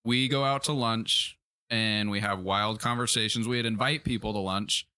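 Man, co-host, casual chat: low voice with a sharp, bright edge, eager and inquisitive. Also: fairly even intonation, normal speed, clear, resonant tone, no echo. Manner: eager, asks lots of questions, swears casually. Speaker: podcast co-host. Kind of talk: casual chat among friends.

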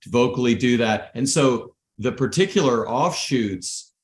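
A man who teaches high school, chatting as a podcast guest in a rambling way, full of restarts and "you know". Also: animated, a little slow, reverberant, slight background noise. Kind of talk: casual interview chat.

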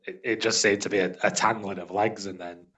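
A man's voice: on the low side, steady tone, a little fast, a bit bright. A man giving blunt, casual banter as a regular on a football podcast.

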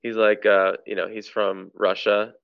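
Low gravelly guy hosting a sports podcast, dry dull lo-fi sound. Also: flat delivery, measured pace. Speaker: podcast host. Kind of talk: casual sports chat.

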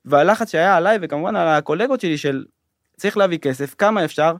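A man's voice: a little high, dry recording. A middle-aged man telling a story as a guest in a studio interview, hesitant and full of fillers. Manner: hesitant, many fillers and restarts. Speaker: guest, government finance official. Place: podcast studio.

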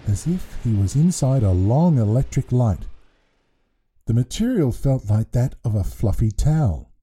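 A man reading a children's story aloud in an expressive, playful way. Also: medium pitch, slightly rough. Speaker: narrator.

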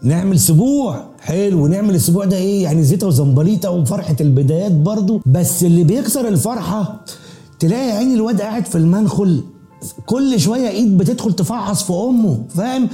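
A young man with an Egyptian accent races through a comic podcast monologue, his voice dark and mellow yet pitched a little high. He tells it in animated, slangy bursts, with faint music under him. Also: quick pace. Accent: Egyptian Arabic. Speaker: podcast host.

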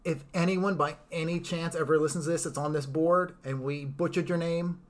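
A man's voice: a little high, fairly even intonation, moderate pace. Rambling podcast co-host man. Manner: rambling, lots of fillers and restarts. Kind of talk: casual chat.

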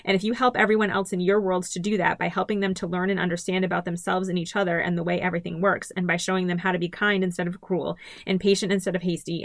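A woman reading aloud the lines of a calm, wise female angel in a measured, unhurried way. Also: lowish voice, no room sound, clean studio sound, lightly acted.

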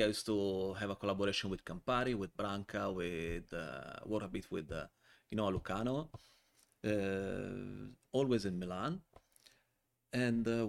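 A man in his forties with an Italian accent and a somewhat low voice. He is a podcast guest who tells animated, joking stories. His English is fluent but not his first. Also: creaky. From Italy. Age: 40s. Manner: animated, joking storyteller in non-native English. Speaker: guest, wine importer. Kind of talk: casual podcast interview.

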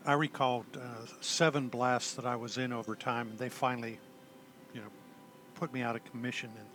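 An older man, a retired army chaplain, telling his story in a halting, self-deprecating way with dry humor. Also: medium pitch, flat delivery, a bit bright, slight background noise. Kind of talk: conversational storytelling.

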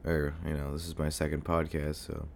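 A young man hosts his own podcast while sick and congested, speaking into a desk mic by his computer at home. His deep, hoarse voice comes out completely flat at a moderate pace. The solo monologue is rambling and casual, packed with fillers and swearing.

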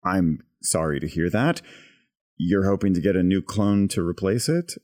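An actor playing a calm, scripted call center agent who answers in deadpan tones. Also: male voice, low voice, moderate pace, no echo, clean studio sound, lightly acted.

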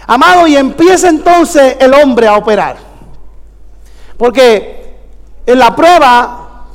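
Male pastor, very high voice, fervent sermon delivery, long hall reverb. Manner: fervent, calls out to the congregation.

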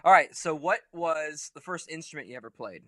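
Upbeat man firing quick questions. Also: fairly high pitch, lively intonation, fairly bright tone, dry recording. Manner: upbeat, enthusiastic rapid-fire questions. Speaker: podcast host. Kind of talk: casual podcast interview.

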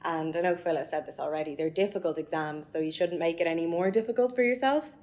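A woman's voice: lowish voice, fast talker, darkish tone. A young woman from County Mayo with an Irish accent, giving conversational advice as a podcast guest. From County Mayo, Ireland.

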